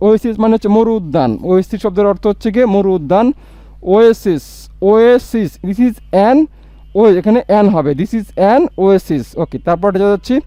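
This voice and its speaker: A man with a Bangladeshi accent gives an English lesson in a high, mellow voice, reading each example slowly before explaining it. His voice is smooth and clear. The recording is dry but dull and lo-fi. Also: no echo. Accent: Bangladeshi Bengali. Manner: slow, deliberate reading of example sentences, then explaining. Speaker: English tutor.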